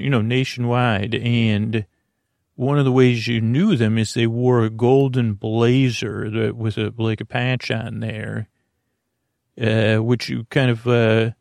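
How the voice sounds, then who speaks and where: A man with a gravelly, slightly mellow voice rambles in a low-key, meandering way, hesitating and correcting himself as he drifts between points. The sound is close and dry, with no room sound. He comes across like an unhurried bedtime podcast host.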